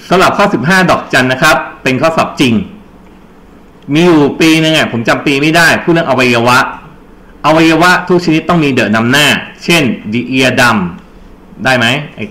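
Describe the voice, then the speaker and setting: A man's voice: a little high, moderate pace, bright, forceful tone. Male tutor quizzing a class. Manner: explains step by step, quizzing students with prompts. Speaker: English tutor. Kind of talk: exam-prep grammar lesson.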